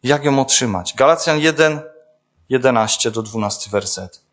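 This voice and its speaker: A man's voice: mid-range voice, moderate pace, a bit bright. A young man giving an informal sermon, searching for words with many fillers and restarts, often turning to the listeners. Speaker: preacher.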